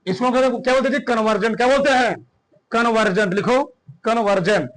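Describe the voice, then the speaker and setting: A male physics teacher dictating a classroom lecture, repeating phrases slowly and quizzing his students. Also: extremely high pitch, fairly bright tone.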